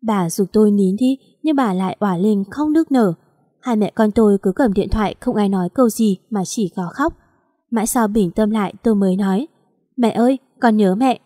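A woman reading a story aloud in a steady, even narration. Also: medium pitch, a little fast, no echo, studio quality.

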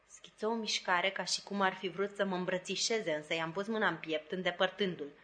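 A woman narrating a classic novel as an audiobook in a measured, even storytelling manner. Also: fairly low pitch. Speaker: audiobook reader.

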